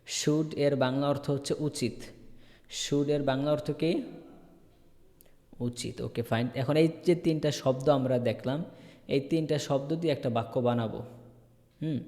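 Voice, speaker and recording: A man leads an online English lesson, drilling each word again and again and asking students by name to repeat it. His voice sits at an ordinary middle pitch. A long reverb trails behind every phrase. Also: dark tone. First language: Bengali. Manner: slow, repetitive drilling, calls on students by name. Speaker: English teacher. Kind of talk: online spoken English class. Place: online video call class.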